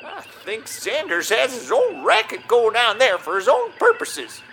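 A man playing a gruff, blustering old commodore who sounds like a grubby prospector, barking folksy orders in a comedy audio sketch. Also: very high-pitched, huge pitch swings, a little slow, sharp tone, a little hiss or hum, full character voice. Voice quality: gravelly, twangy old-timer bark.

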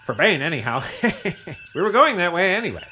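A man's voice: high voice, very animated, moderate pace, bright, forceful tone, a little hiss or hum, exaggerated voice. A man playing a pompous, wealthy starship captain who chuckles at his own jokes in a comedy audio sketch. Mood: smug. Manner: smug, chuckling, self-amused.

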